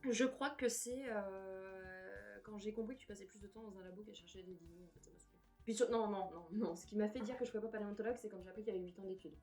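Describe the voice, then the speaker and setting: A young woman vlogging casually at home, chatty and self-mocking, who swears when frustrated. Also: medium pitch. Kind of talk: casual vlog chat. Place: apartment room, indoors.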